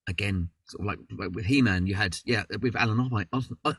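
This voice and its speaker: Husky London man, distant call audio. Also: lowish voice, fast, fairly bright tone, no room sound. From London, England. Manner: rambling, chatty, self-deprecating with many fillers. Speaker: voice actor guest. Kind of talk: casual interview chat. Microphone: video call.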